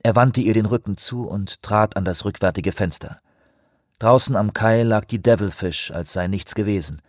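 Guy narrating an audiobook, steady, low voice, dry sound. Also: moderate pace, no echo. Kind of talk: scripted novel narration.

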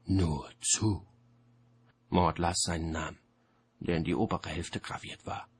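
Deep husky male audiobook narrator. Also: little pitch movement. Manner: measured storytelling.

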